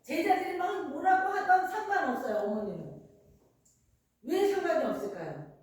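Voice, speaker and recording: A woman pastor preaching a sermon, telling the story in an expressive way and acting out the people in it. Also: very high voice, moderate pace. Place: church sanctuary. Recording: roomy church hall, mic held at a distance.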